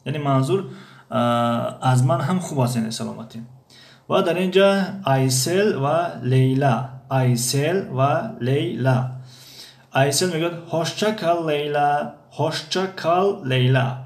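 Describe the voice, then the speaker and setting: A man teaching a language lesson from a textbook, explaining phrases with many hesitations and slow repetitions. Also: medium pitch, creaky, darkish tone. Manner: hesitant, many pauses and fillers, repeats phrases slowly. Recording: echoey room.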